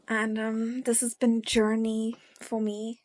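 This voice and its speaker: A young woman giving a casual, earnest devotional talk to her viewers, encouraging and gentle with soft pauses. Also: a little high, completely flat delivery. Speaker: faith vlogger.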